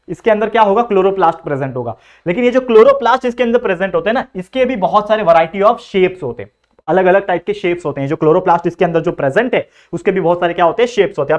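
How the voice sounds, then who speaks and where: Young male tutor, brisk and high-pitched, lecturing and answering his own questions. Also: darkish tone. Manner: asks rhetorical questions and answers them himself; mixes English terms into Hindi explanations. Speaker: biology tutor. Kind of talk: classroom lecture.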